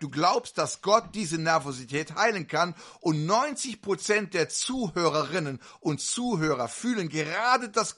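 Bright, lively-voiced preaching man. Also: high-pitched. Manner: directly questions individual listeners; fervent, insistent. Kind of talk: faith-healing sermon.

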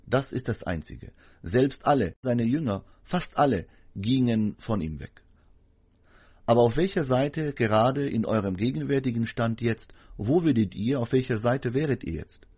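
Husky-voiced man preaching earnestly. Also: medium pitch, expressive, normal speed, darkish tone. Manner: earnest, emphatic preaching address to a congregation. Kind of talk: translated sermon voice-over.

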